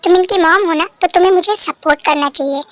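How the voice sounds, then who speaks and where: A woman's voice: very high-pitched, quick pace, fairly bright tone, dry recording. A woman voicing a stern middle-aged father in a fan dub, lecturing and final, close dry mic.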